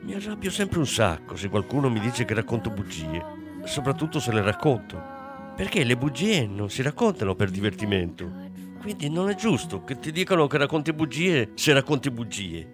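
A man reading a children's novel aloud, expressive and animated. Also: medium pitch, moderate pace, over music. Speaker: audiobook reader. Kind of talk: audiobook narration.

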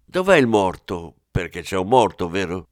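A man's voice: sits low, very animated, normal speed, no room sound, clean studio sound. A man reading a sardonic forensics chief. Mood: mocking. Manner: mocking, demanding. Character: sardonic male forensics chief, teasing colleague.

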